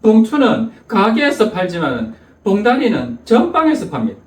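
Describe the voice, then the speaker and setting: A man's voice: sits high, huge pitch swings, normal speed, voice pushed up. A pedantic older school principal, put on by a male pastor in a raised voice, curtly insisting that every pair of words differs. The sound carries through a reverberant church hall, picked up from a distance. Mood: insistent.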